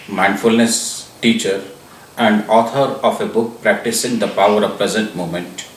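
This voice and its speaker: Echoey, distant man teaching mindfulness. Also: medium pitch. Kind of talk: scripted promotional talk to viewers. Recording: echoey room, distant mic.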